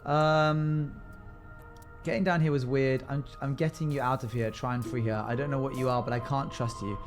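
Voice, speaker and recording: A man's voice: medium pitch, steady tone, normal speed. A man streaming a game, chatting casually and playfully as he reacts and reads out dialogue choices. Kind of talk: casual let's play chat, reacting and reading out choices. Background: faint game music.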